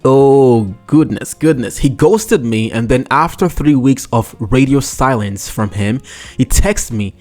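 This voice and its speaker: A young man hosting a casual chat, reacting to rejection stories in an animated, exclaiming, slangy way. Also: mid-range voice, a little slow, faint music behind.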